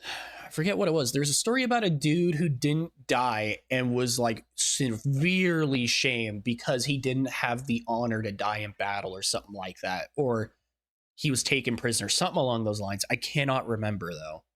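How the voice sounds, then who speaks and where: Man, mid-pitched voice, casual stream reactions, blunt swearing, thinks out loud. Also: lively intonation, normal speed. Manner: musing, thinking aloud.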